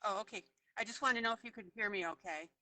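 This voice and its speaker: A woman's voice: medium pitch, quick pace, bright, forceful tone. A woman on a call whose connection keeps breaking up. She gives short replies and checks that she can be heard. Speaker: call participant.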